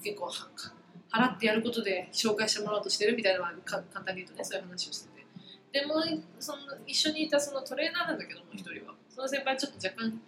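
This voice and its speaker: A woman co-hosting a casual chat podcast, venting about her workday in an animated storytelling way. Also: on the high side, rapid-fire, background noise. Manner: venting, animated storytelling with many acted quotes. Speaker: podcast co-host. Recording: roomy echo with faint ambience.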